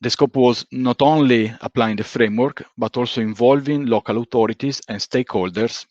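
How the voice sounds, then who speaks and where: A man's voice: medium pitch, brisk, darkish tone, no echo. A man giving a methodical, explanatory conference presentation, heard through a recorded online meeting on a video call. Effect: voice captured in a recorded online meeting. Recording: dull lo-fi online call audio.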